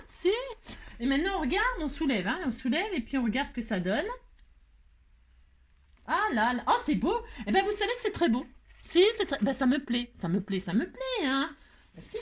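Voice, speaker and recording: A woman from France hosting a casual craft tutorial, talking in a playful, self-mocking way and tagging her sentences with a quick "hein". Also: sits high. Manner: cooing baby talk to her pet. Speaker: crafting video host.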